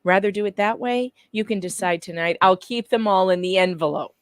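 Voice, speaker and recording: With a medium-pitched voice and a fairly quick pace, this woman co-reads a court transcript as a guest, joking and bantering as she goes. The studio-quality recording has no room sound.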